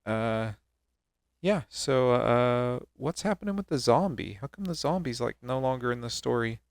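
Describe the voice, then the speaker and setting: A man's voice: mid-range voice, lively intonation, moderate pace, no echo. A man co-hosting a podcast, reading scripture aloud and chatting playfully. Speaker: podcast co-host. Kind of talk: casual chat and scripture reading.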